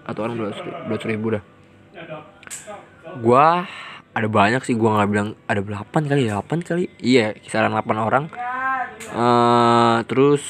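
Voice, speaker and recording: A young man, casually telling stories about his past in a rambling, slangy, self-mocking way. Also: mid-range voice. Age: young adult. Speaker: vlogger telling his life story. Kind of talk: casual storytelling in Jakarta slang.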